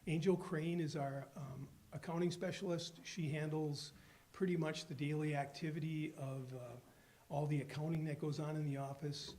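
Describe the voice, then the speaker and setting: A man with a hoarse voice from a cold, giving a formal budget presentation at a school board meeting, explaining steadily with frequent fillers. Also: a little high, fairly even intonation, normal speed, mellow. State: hoarse from a cold, losing his voice. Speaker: school district finance official presenting the budget.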